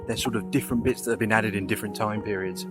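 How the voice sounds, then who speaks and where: A man's voice: fairly low pitch, steady tone, fast. A man talking casually to camera as a travel vlogger, in a wry, understated way. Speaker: travel vlog presenter. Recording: music over location vlog audio. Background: music.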